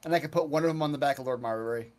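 A man playing a tabletop game, chatting casually in a halting way with repeated words. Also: medium pitch, darkish tone. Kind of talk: casual chat.

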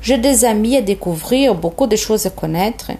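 A woman's voice: mid-range voice, expressive, normal speed, mellow, natural voice. A woman with Portuguese as her first language voicing a polite, curious little boy prince in a raised, childlike voice. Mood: earnest.

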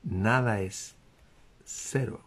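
A man giving a lively spiritual talk to an audience, asking rhetorical questions and dropping suddenly to a hush. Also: fairly low pitch, extremely slow, breathy edge. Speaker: motivational speaker.

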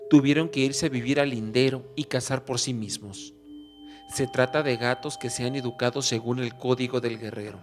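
A man voicing a determined outcast she-cat in a storybook reading, speaking low and firm over background music. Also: steady tone, moderate pace, natural voice. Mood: earnest.

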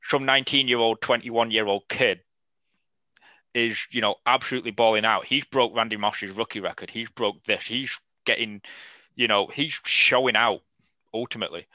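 A man talking football in a casual podcast chat, blunt and animated, swearing freely. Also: mid-range voice, normal speed, dry recording. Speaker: podcast guest. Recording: slightly dull, lo-fi mic.

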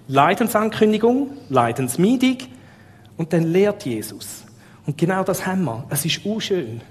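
A man preaching a sermon with a Swiss German accent, talking conversationally and asking his listeners rhetorical questions. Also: sits high. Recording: long reverb of a large hall.

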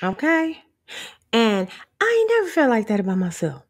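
A woman's voice: a little high, huge pitch swings, moderate pace. A woman giving a motivational rant on her vlog. She is brash and profane and laughs often. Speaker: vlogger.

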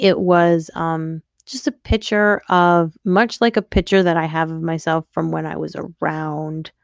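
Slow, gravelly-voiced woman podcast host. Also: low-pitched, no room sound, muffled recording. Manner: frank and candid, occasional swearing. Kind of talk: casual reflective monologue.

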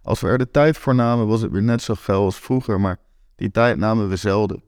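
Twenty-something guy reading his own story, lowish voice, kinda wry and blunt. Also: a little fast, darkish tone, smooth, no echo, studio quality. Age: 20s. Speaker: narrator. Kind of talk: first-person story reading.

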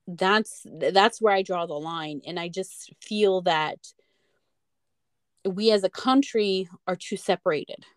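A medium-pitched woman from the United States co-hosts a podcast, heard with no echo. The chat is casual, and she rambles emphatically, cursing freely along the way.

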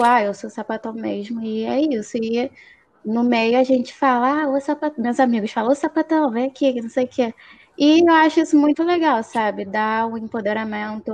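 A young woman with a Brazilian Portuguese accent, chatting earnestly and lively as a guest on a casual panel. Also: on the high side. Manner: earnest, lively, drawn-out phrases.

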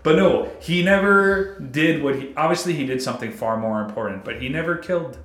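Profane, animated man in his thirties, roomy sound. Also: fairly high pitch, a little fast. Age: 30s. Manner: profane, animated storytelling with acted-out quotes. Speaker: podcast co-host. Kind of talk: casual movie-review chat. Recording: roomy echo.

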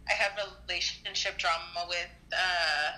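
On a phone call, a woman in her early twenties rambles casually, packing her speech with "like" and coughing occasionally as she gets over being sick. Her voice is on the low side and sharp, with fairly even intonation and a measured pace. The recording quality is poor.

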